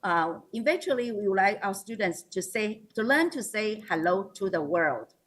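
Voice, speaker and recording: A woman's voice: mid-range voice, lively intonation, fairly bright tone, husky. A woman with a Taiwanese accent gives a formal slide presentation as a school principal, hesitating and correcting herself often. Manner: halting, frequent hesitations and self-corrections.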